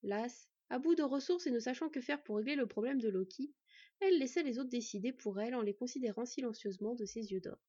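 A woman narrating a fantasy story in an even, measured reading. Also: on the high side, slightly rough, no echo. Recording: dull, dry recording.

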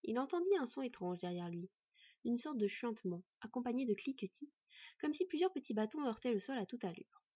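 A woman narrating a fantasy story in a steady, measured reading voice. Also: on the high side, slightly rough, dry recording. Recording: dry, slightly dull recording.

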